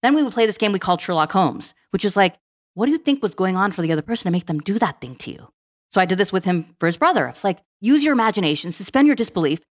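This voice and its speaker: A middle-aged woman telling stories as a podcast guest, acting out quoted dialogue as she goes. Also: mid-range voice. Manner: fast, animated storytelling with quoted dialogue. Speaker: guest, program management director. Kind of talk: storytelling in a podcast interview.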